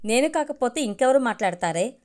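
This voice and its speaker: Mother figure for a storybook reading, anxious and scolding, sharp and reproachful, somewhat high voice as a woman reads her. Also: lively intonation, a little fast, natural voice.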